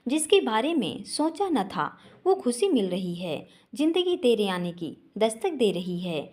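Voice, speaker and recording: A woman's voice: fairly high pitch, big pitch swings, unhurried, darkish tone. A woman voicing a shy, dreamy young woman who is about to marry.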